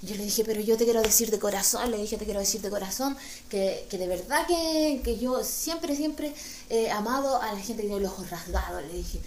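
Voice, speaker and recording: A woman with a Chilean accent telling a comic story, slangy and animated, acting out the voices in her tale. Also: medium pitch, moderate pace, echoey room, slight background noise. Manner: animated, slangy, acts out dialogue. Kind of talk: stand-up storytelling.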